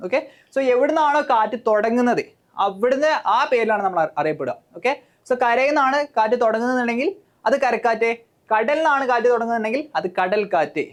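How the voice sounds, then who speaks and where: A woman teacher with a Malayali accent and a fairly high, animated voice talks fast while coaching students for an exam. She explains step by step, says "okay" often, asks the class questions, and mixes English terms into her Malayalam.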